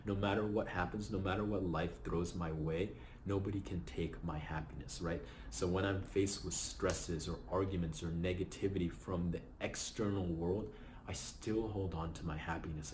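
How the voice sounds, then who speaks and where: A low-voiced man hosts a casual motivational vlog, sounding tired, low on energy and slightly raspy after a long night. He's relaxed and reflective, keeps tacking on "right?", and a little hiss or hum sits under the audio.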